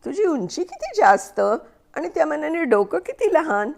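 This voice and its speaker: A woman playing a shrill nagging wife. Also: sing-song, normal speed, gravelly, exaggerated voice. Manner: high, loud and nagging. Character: shrill, scolding young wife, sharp-tongued.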